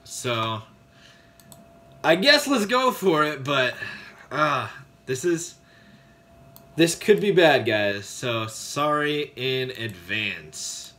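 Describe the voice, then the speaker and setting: A man's voice: mid-range voice, very animated, very slow, long pauses, pushed and bright. A young man vlogging casually, reading tongue twisters aloud and laughing at his own slips in a playful, self-deprecating way. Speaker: YouTuber.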